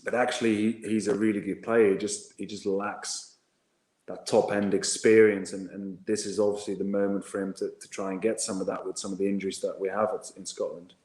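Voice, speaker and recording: Lively storytelling man in an echoey room. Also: lowish voice, brisk. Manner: lively storyteller, laughs often. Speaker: former rugby player pundit. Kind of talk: casual watchalong chat. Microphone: video call.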